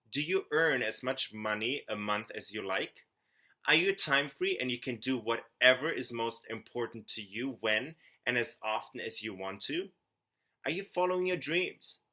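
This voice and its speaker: A young man from Germany with a German accent, a network marketing consultant earnestly giving an upbeat sales pitch. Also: sharp tone. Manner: earnest, upbeat, with small slips and restarts. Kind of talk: scripted sales pitch to camera.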